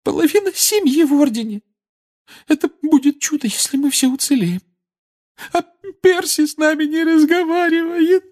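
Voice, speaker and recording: A man's voice: a little slow, darkish tone. A man doing a sobbing, frantic mother witch. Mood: tearful. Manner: high, shaky, pleading. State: crying. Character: distraught sobbing middle-aged mother witch. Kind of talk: audiobook character voice.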